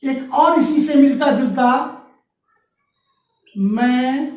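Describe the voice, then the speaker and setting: Male teacher, high voice, slow question-and-answer grammar lesson, echoey room, far from the mic. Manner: asks questions and answers them himself; dictates example sentences word by word.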